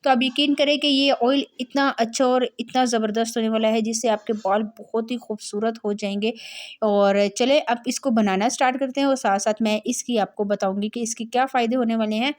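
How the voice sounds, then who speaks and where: A young woman chatting her way through a home-remedy cooking tutorial, explaining each step and talking freely along the way. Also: fairly high pitch.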